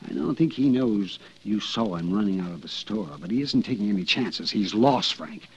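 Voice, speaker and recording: An actor playing a nervous, hedging lawyer with a husky voice who hesitates and wavers, in old-time radio drama style. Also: male voice, fairly low pitch, animated, normal speed. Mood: worried. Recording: dull lo-fi old radio recording.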